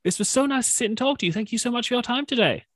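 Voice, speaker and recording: A man's voice: extremely high pitch, lively intonation, racing, a bit bright, no room sound, studio quality. A man hosting a chatty interview, asking guests questions in a conversational style. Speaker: interviewer and host.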